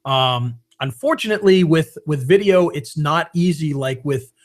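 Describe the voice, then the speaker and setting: A man hosting a live webinar, pitching a membership and answering viewer questions in a casual, upbeat way. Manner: casual, upbeat, with fillers and quick jokes. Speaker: webinar host.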